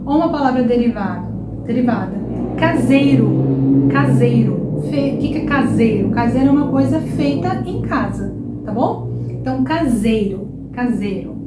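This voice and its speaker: A Brazilian woman teaching a Portuguese lesson online, repeating example words slowly and checking in with "tá?" and "ok?". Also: high-pitched, expressive, echoey room, heavy background noise. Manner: slow, drawn-out repetition of example words; checks in with frequent "tá?" and "ok?".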